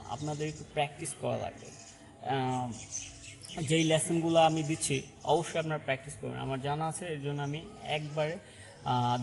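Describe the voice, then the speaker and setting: A man gives an online pronunciation lesson, pausing often with fillers and restarts and checking in with the viewers. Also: fairly high pitch, darkish tone, in a large hall, rough recording. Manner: halting, with frequent fillers and restarts, repeats "ঠিক আছে?" to check on viewers. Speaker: English pronunciation teacher.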